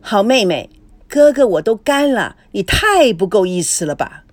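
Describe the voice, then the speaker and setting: A woman's voice: mid-range voice, big pitch swings, normal speed, dry recording. A woman playing a glib, flirty middle-aged man. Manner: wheedling and glib.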